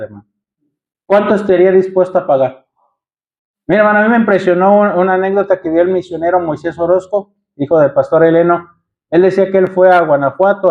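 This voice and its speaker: A Mexican pastor, a man, leads his congregation through a sermon, calling them brothers and pushing them with rhetorical questions. His voice sits high. The recording is muffled and lo-fi, as if captured inside a church.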